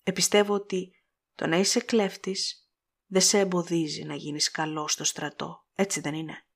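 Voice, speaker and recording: Woman playing an earnest, fussy middle-aged man, mildly reproachful, low husky read. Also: flat delivery.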